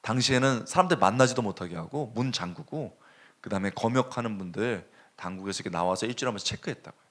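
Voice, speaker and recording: Low-voiced guy preaching, voice jumps all over, goes quiet then loud. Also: fast talker. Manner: animated storytelling, dropping to a hush and rising sharply. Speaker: pastor. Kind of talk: sermon.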